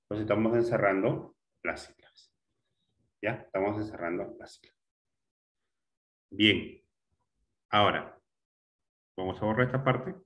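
A male teacher giving a classroom grammar lesson, explaining step by step, repeating words and often checking with a quick question. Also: lowish voice, lo-fi sound.

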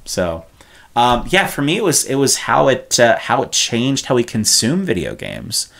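Forties male podcast co-host, rambling casual storyteller, swinging pitch. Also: wildly swooping pitch, unhurried, gravelly, fairly bright tone. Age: 40s. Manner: rambling, hesitant, many restarts. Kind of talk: casual chat.

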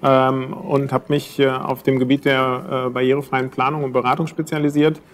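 A man's voice: mid-range voice, level tone, moderate pace, a little hiss or hum. A man who works as an architect, speaking hesitantly with many fillers. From Germany. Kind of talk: interview statement.

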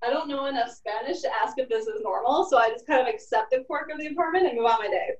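A fast-talking woman with a high-pitched voice teaches cooking in her old apartment's home kitchen, chatty and peppered with "like" and "kinda." She's far from the mic in an echoey room, and the recording sounds muffled.

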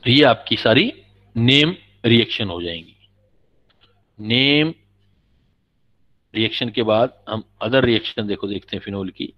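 A man's voice: mid-range voice, animated, measured pace, long pauses. A man teaching a chemistry class, patiently explaining and quizzing his students. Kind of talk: classroom lecture. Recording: dull lo-fi recording.

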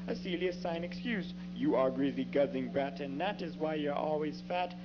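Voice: mid-range voice, normal speed, voice pushed up, lightly acted. An adult voicing a stern mother who scolds her child in a storybook reading. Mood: scolding. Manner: sharp, scolding. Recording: dull lo-fi with steady hum.

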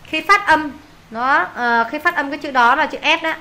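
A woman teacher with a Vietnamese accent, running an English pronunciation lesson and repeating words slowly for pupils to echo. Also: high-pitched, sharp tone.

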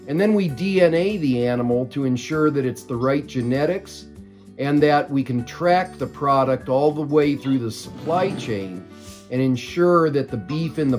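An older man, a company executive, answering interview questions at length from a home study over a video call, measured and explanatory with frequent fillers. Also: medium pitch, a little mellow. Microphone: video call webcam.

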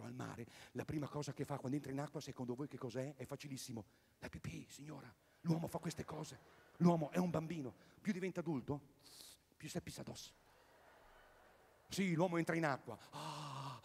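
A man doing a rambling stand-up comedy routine at a live concert, swinging between loud bursts and mutters. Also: mid-range voice, gravelly, slightly rough, big-room sound. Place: outdoor tennis courts at a live event.

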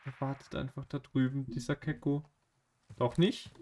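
Guy streaming a shooter, nervous and sweary, mutters then yells, mid pitch, tiny bit of faint noise. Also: little pitch movement, moderate pace. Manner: jumpy, swears, anxious self-mocking; swings from mutters to sudden shouts. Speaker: gaming streamer. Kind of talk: live gameplay commentary.

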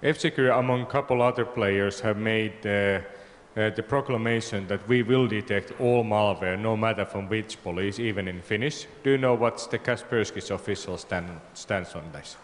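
A man stands in a conference audience and puts a polite, slightly hesitant question into a passed-around hand mic. His voice sits a little low. The hall carries it with a long, trailing reverb. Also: moderate pace, hardly any pauses, slight background noise. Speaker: audience member asking a question. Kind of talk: question from the floor. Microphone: handheld audience mic.

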